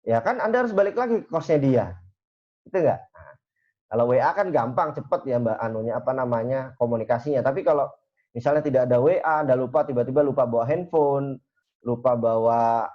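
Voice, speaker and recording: A man's voice: medium pitch, a little fast. A man giving a university lecture in a casual, conversational way, full of fillers. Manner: conversational, uses many fillers. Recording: dull lo-fi recording.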